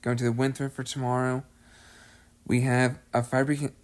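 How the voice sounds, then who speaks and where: A man's voice: medium pitch, flat delivery, normal speed. A man hosting his own severe weather update, methodically reading out the risks and regions in a repetitive way, sounding slightly out of breath. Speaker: amateur weather forecaster, channel host.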